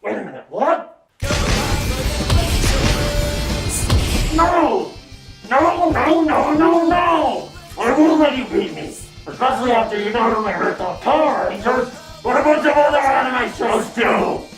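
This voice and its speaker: Guy voicing a squeaky raspy evil overlord yelling insults, slow drawl, far off in an echoey room. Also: expressive, exaggerated voice. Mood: panicked. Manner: shouting taunts and insults. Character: ranting male villain overlord, petty and boastful. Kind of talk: comedy sketch acting. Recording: echoey room from a distance over music.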